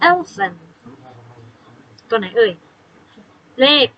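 A woman teacher with a Thai accent, patiently leading a children's English lesson and spelling words out sound by sound with gentle prompting questions. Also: unhurried, muffled recording. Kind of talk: slow, patient classroom instruction.

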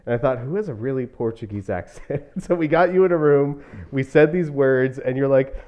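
A man's voice: mid-range voice, brisk. A male podcast host with a mid-range voice talks casually with his guest. He tells stories in a loose, chatty way and leans on fillers. The recording sounds slightly dull. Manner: chatty storytelling with frequent "like" fillers. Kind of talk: casual conversational interview. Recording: slightly muffled podcast audio.

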